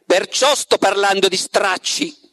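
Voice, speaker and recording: A man reading aloud as Voland, a slow, sly devil. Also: high voice, bright, forceful tone, voice pushed up. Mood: mocking. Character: suave, mocking devil, male, ancient, all-powerful.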